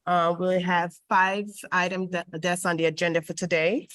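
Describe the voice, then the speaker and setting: A woman with a slightly low voice chairs a public board hearing, heard over an online group voice call. Her delivery is formal and procedural, dotted with ums and small restarts as she moves through the agenda. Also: level tone, normal speed, fairly bright tone. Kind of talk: formal meeting chairing and reading into the record.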